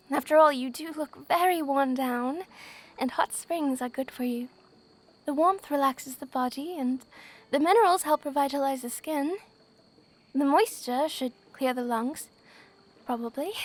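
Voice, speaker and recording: A woman playing a gentle, easily flustered young princess in a soft, polite, formal ASMR roleplay style. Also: sits high.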